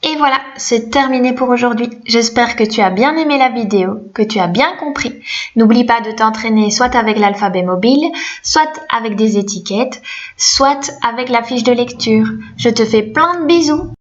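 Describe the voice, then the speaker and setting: A woman teaching a reading lesson to young children, slow, gentle and encouraging. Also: fairly high pitch, dull audio.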